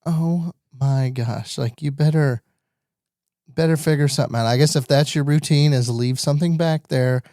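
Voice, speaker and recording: A young man co-hosting a parenting podcast in casual chat, talking in animated, incredulous bursts. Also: on the high side, moderate pace, dry recording, clean studio sound. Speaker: podcast co-host.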